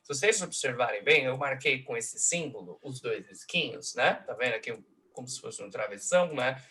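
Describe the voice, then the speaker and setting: A man's voice: mid-range voice, pushed and bright. A man giving an online lecture, explaining step by step and checking in with frequent tag questions. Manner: slows down and stresses syllables when tapping out rhythms. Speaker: host and lecturer. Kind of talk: online lecture analyzing song lyrics. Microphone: computer mic in a live video call.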